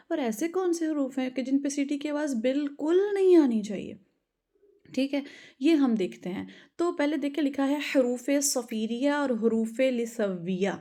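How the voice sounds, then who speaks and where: Woman, recitation teacher; raised pitch, soft mellow tone, patient. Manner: patient, drawn-out letter pronunciations with frequent check-ins. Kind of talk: online tajweed lesson.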